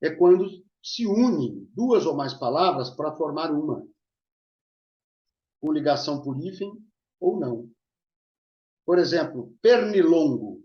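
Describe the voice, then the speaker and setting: A man's voice: fairly high pitch, animated, a little slow, pauses often, mellow. Man teaching grammar, echoey. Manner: explanatory, checks in with listeners often. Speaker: Portuguese teacher. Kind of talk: online grammar lesson. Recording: echoey room, dull lo-fi sound.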